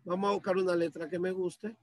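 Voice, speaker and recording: A man's voice: high voice, level tone, a little fast, darkish tone, no echo. A male teacher walking students through a computer task step by step, patiently, on a video call. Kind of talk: screen-share computer lesson. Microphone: computer mic on a video call.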